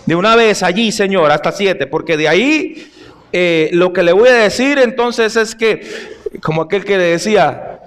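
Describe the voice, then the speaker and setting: A man's voice: sits high, normal speed, a bit bright. A male pastor preaching a sermon, reading scripture aloud and explaining it, turning to the congregation with direct questions and asides. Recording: long hall reverb.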